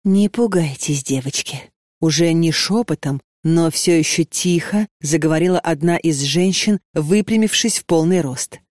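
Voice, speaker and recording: A reader voicing a stout middle-aged aunt who coaxes in a hushed whisper full of endearments. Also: female voice, low voice, moderate pace, no room sound, studio quality, lightly acted. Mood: calm.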